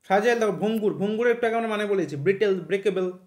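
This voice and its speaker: Male tutor, quick high voice, keeps checking "thik ache?", roomy echo. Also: darkish tone. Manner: repeats "thik ache?" after nearly every point, spells words out slowly. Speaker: English teacher for exam preparation. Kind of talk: online vocabulary lesson.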